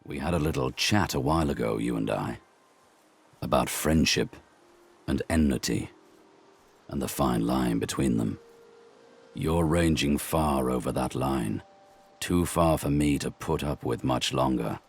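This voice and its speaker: An actor playing a stern, weary warrior in a video game, grave, blunt and measured. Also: male voice, rumbling low, vocal fry, husky, full character voice. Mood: stern warning. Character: stern, weary warrior who values loyalty and friendship.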